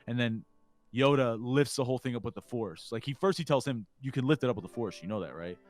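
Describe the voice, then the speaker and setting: Soft music plays as this man talks through a movie on his podcast, rambling along in a medium-pitched voice. He keeps breaking into quick impressions of the characters' lines.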